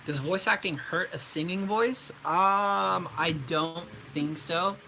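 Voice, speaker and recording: A man hosting a casual livestream Q&A as a voice actor, with a very bright, sharp-edged tone. He rambles loosely, dropping ums and likes as he answers viewers, his voice sitting somewhat high for a man. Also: slow, creaky, slight background noise, poor audio.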